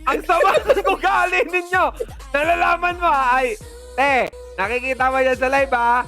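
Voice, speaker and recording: A woman's voice: sits high, fairly even intonation, normal speed, a bit bright. A woman hosting a livestream game commentary, playful and teasing, laughing often. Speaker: esports stream host. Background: background music.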